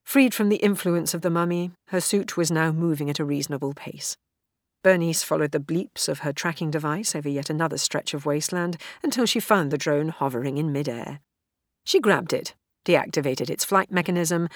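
A woman reading a novel aloud in a measured, even storytelling manner. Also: low voice, dry recording, clean studio sound. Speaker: audiobook narrator. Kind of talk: scripted narration.

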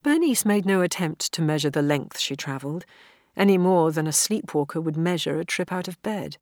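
A woman with a low voice narrates an audiobook in a measured, even way. The recording is dry and close, with almost no room sound. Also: no echo. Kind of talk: scripted narration.

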